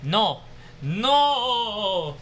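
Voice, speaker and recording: A man's voice: sits high, sing-song, extremely slow, noisy background, voice pushed up, full character voice. A man voicing a bitter, obsessive male scientist losing his mind, ranting and paranoid in a put-on Russian accent. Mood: panicked. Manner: ranting, paranoid, self-pitying.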